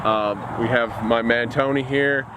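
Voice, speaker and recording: A man's voice: mid-range voice, steady tone, measured pace. A man from El Paso, rambling and chatty with many fillers, talking outdoors by a park sign. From El Paso, Texas. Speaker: guest met on the road. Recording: outdoor noise behind.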